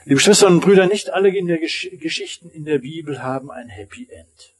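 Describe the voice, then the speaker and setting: A husky-voiced man delivers a sermon from the pulpit. His pitch sits a little high, and he pushes key lines up loudly before letting them sink to near silence. The delivery is emphatic and deliberate. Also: expressive, faint music behind. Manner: emphatic preaching, rising and dropping to near silence. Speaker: pastor.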